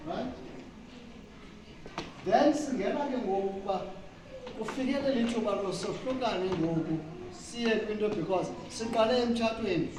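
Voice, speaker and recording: A woman's voice: medium pitch, moderate pace. A woman with a Xhosa South African accent gives an informal teaching talk in an explanatory manner, checking in with her listeners and mixing in English. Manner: explanatory, punctuated by check-in questions. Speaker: speaker leading a talk. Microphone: distant from the speaker. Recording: very echoey room, distant mic, noisy.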